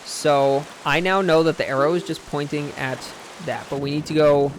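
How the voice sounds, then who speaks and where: A man's voice: on the high side, fairly even intonation, moderate pace, a little hiss or hum. A young man streaming a game, rambling in casual chat and swearing freely. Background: game music.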